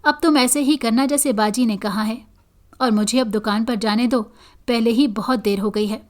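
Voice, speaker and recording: Doubtful practical husband, read by a woman narrator, plain and high-ish. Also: natural voice. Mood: impatient.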